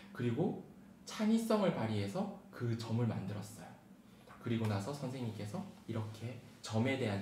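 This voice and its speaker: A man giving an online training lecture to teachers, talking quickly and reading a picture book aloud with lively emphasis. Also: medium pitch. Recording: roomy sound with faint background hiss.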